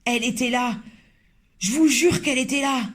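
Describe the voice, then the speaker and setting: Man putting on a frantic male cook, shrill, yelling, very high. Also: quick pace. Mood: panicked.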